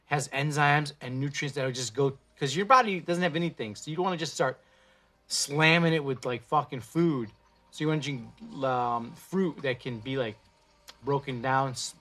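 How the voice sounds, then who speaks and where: A man hosting a casual livestream, talking in a profane, slangy and animated way into a phone. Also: fairly high pitch. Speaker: livestream host.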